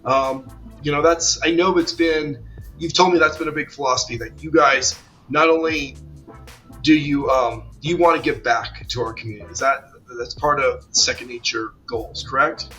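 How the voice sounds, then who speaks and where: Slightly ill with his voice a bit off, a man hosts a casual conference interview, enthusiastic and rambling with many restarts. His medium-pitched voice is sharp and steady at a normal speed. The audio is poor, with faint music behind him.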